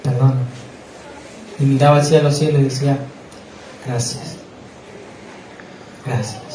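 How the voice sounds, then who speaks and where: A man giving an emotional personal testimony in a church, halting and repeating words as he tells his story. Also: mid-range voice, warm tone. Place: church hall. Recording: echoey room, distant mic, faint noise.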